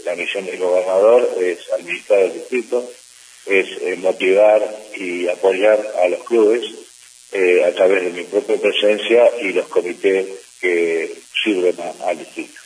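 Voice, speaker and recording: A middle-aged man, a district governor of a service club, answering press questions in a measured way with frequent hesitations. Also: low-pitched, steady tone. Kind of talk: press interview. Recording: distant mic with faint hiss.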